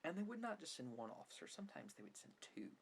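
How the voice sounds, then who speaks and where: A film commentator hosts an ASMR-style video, delivering an opinion monologue on films in a slightly high, very animated and quick voice. He complains emphatically and sarcastically, at times dropping toward a whisper, over faint background noise.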